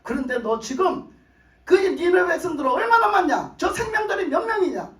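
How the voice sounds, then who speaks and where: A man voicing God as a patient, loving father who gently coaxes, in an echoey hall. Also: extremely high pitch, very animated, fairly quick, pitched above the performer's own voice, exaggerated voice. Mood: tender. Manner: gentle, coaxing pleas. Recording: echoey church hall from a distance.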